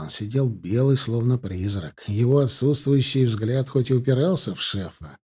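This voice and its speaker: A man narrating an audiobook in the first person, grim, cold and measured. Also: medium pitch, warm tone.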